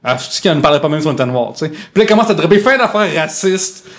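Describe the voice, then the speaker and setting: Québécois dude rambling through a story on a podcast, fast and a bit high. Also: male voice. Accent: Québécois French. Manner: animated storytelling, many repeated words. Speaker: podcast guest. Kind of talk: casual chat.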